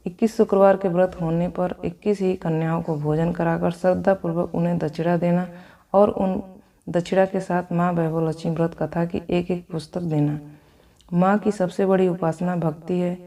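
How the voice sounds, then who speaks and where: A gentle old temple mother, as a woman narrator puts her on, speaking in a soothing, consoling way. The voice sits low and sounds warm and mellow. She fits a devotional storybook reading. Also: close to an everyday voice.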